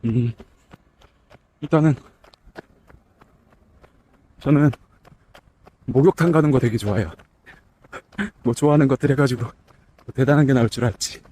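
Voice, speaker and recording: A man's voice: mid-range voice, normal speed, pauses often, warm tone, slight background noise. A middle-aged man chats casually to his vlog while running outdoors, slightly out of breath. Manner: talking while running, effortful. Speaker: running vlogger. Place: outdoors on a waterside running path.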